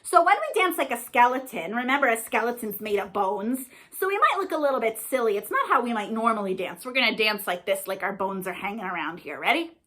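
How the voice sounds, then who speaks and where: Her pitch sits fairly high and her delivery is sing-song and fairly quick, with hardly any pauses and a slightly bright sound. This librarian runs an interactive read-aloud and singalong for little children, keeping things playful and encouraging while frequently quizzing her audience.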